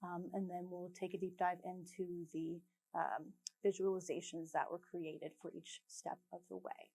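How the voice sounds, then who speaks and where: A woman presenting at a technical conference in a relaxed way, often pausing on fillers and dropping in light jokes. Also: lowish voice, gravelly, breathy edge.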